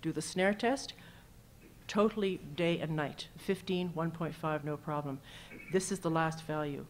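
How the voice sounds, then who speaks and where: Low-voiced woman presenting surgical cases. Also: fairly even intonation, unhurried, a little hiss or hum. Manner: casual, anecdotal, walks through slides with numbers. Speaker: cardiac surgeon presenting at a symposium. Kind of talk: conference presentation.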